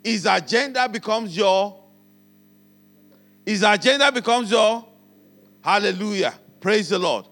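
A man's voice: high-pitched, measured pace, long pauses, a bit bright. A man with a Nigerian accent preaching a sermon as pastor, repeating key phrases and calling on the congregation to respond.

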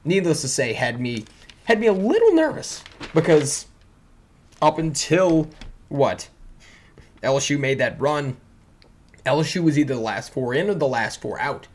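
A man's voice: mid-range voice, moderate pace. A man co-hosting a sports podcast, talking in a loose, chatty way with fillers and restarts. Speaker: podcast co-host. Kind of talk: casual sports podcast chat.

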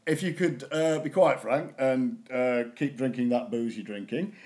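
A man playing a cheeky, sarcastic female mature student in an improvised comedy sketch, deadpan and teasing. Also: mid-range voice, normal speed, close to an everyday voice. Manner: deadpan, teasing, ends lines with a name.

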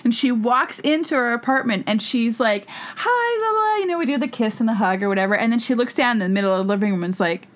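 A woman co-hosting a podcast, telling an anecdote in casual chat with animated, acted-out quotes. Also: fairly high pitch, fast talker, hardly any pauses. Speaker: podcast co-host.

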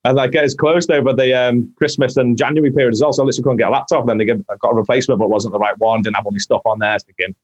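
A man talking quickly in a relaxed podcast chat. He is a music producer who rambles along with lots of "like" fillers. His pitch sits in the middle. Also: lo-fi sound. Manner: chatty, full of "like" fillers. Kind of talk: casual conversation.

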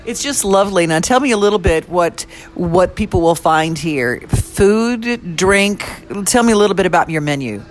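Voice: mid-range voice, animated, normal speed, hardly any pauses. An interviewer telling stories and asking casual questions. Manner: chatty, storytelling.

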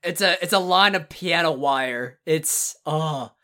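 Woman, low voice, casual podcast co-host; rambling, eager, filler-heavy delivery. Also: takes it slowly, sharp tone. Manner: rambling, enthusiastic retelling with many fillers and restarts. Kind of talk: casual podcast chat about horror films.

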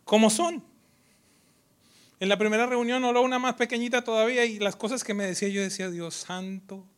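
A man preaching a sermon as pastor, swinging from loud, animated delivery to hushed near-whispers and mocking imitations of others. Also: sits high, brisk, clean tone. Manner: acts out quoted voices mockingly.

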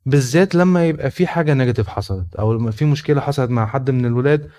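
A man's voice: mid-range voice, very fast, mellow. A man with an Egyptian Arabic accent talking spontaneously about faith and family, with many fillers and restarts. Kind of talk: casual spontaneous talk.

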